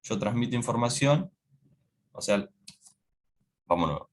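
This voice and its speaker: A man's voice: mid-range voice, expressive, a little slow, slight background noise. A young man with an Argentine Spanish accent giving a classroom lecture, explaining step by step and checking in with frequent tag questions. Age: young adult. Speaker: student presenting a lecture on a teaching text.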